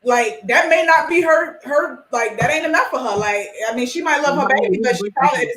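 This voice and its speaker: A woman co-hosting a casual panel chat, choosing her words carefully and pausing with fillers. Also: sits high, animated, a bit bright, slight background noise. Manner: hesitant, measured, many fillers. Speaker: podcast co-host. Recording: echoey room.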